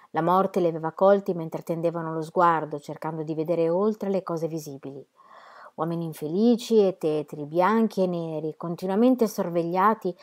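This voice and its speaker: A woman reading a novel aloud in a steady, measured way. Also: lowish voice. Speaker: reader.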